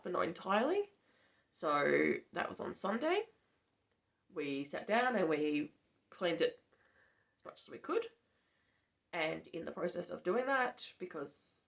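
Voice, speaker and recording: In a relaxed vlog shot in her farmhouse bedroom, a young woman talks chattily and plainly. Allergies have left her voice gravelly and hoarse, sitting on the low side with a slightly bright quality.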